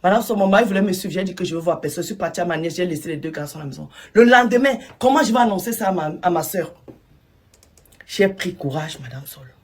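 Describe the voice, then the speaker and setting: A woman storyteller retelling a listener's testimony in first person, with hushed, emotional dips and rises. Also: fairly low pitch, animated, quick pace.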